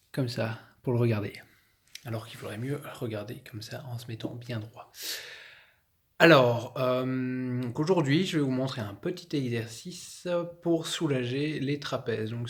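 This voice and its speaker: A man coaching viewers casually, demonstrating massage tools while talking, often hesitating and restarting, filmed on a phone indoors. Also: mid-range voice. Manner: chatty, hesitant, showing objects while talking. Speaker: fitness coach. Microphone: phone camera.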